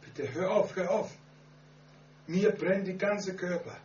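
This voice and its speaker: A man preaching voices a frightened, possessed young woman confessing witchcraft, crying out in a high voice. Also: takes it slowly, a little mellow. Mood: pleading. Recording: echoey, muffled distant hall recording with hum.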